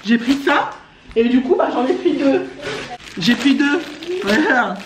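This woman's high-pitched voice has lively intonation and a measured pace. She's a family vlogger doing an informal, slangy haul chat at home in the living room, where the recording picks up echo, clear noise and clicks.

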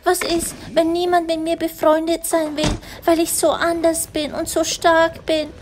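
An eager little schoolgirl , voiced by a woman chatters in a very high, childlike voice. She sounds sweet and earnest, like a young kid in an animated story. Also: a little slow, noisy background.

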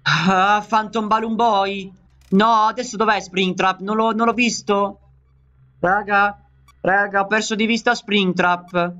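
Excitable male let's play host, high bright voice, slow delivery, dull lo-fi sound. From Italy. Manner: excitable, keeps calling out to viewers. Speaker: gaming channel host.

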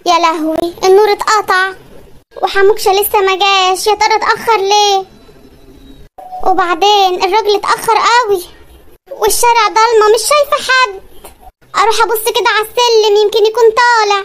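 Someone voicing a squeaky Egyptian cartoon housewife. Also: fairly even intonation, fairly bright tone. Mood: scolding. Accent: Egyptian Arabic. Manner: scolding, fast, exclaiming. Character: bossy scatterbrained Egyptian housewife. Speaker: cartoon wife. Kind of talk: comedy cartoon voice acting.

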